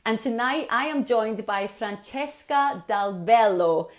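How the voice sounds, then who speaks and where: A woman's voice: on the high side, takes it slowly. A woman hosting a live online interview over a video call, chatty and enthusiastic, laughing often. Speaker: interview host.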